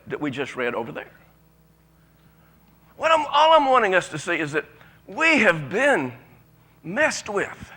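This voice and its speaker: A man's voice: high voice, bright, forceful tone. A man preaching a sermon to a congregation, emphatic and folksy, with frequent restarts. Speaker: pastor.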